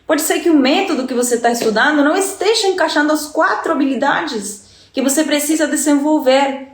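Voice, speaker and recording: High-voiced Uruguayan woman teaching live. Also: fairly quick, roomy sound. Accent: Uruguayan Spanish. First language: Spanish. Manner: chatty, checks in with listeners often. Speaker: Spanish teacher. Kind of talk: live-stream lesson.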